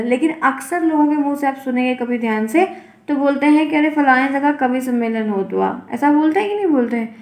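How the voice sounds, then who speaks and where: A woman's voice: high-pitched, a little mellow, reverberant. A woman teacher giving an online exam-prep lesson, explaining by repeating example words and quizzing her class.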